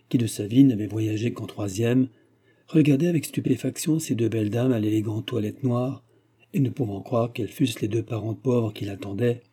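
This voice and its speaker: A man narrating a classic French novel as an audiobook, in a steady, measured reading. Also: mid-range voice, slightly rough.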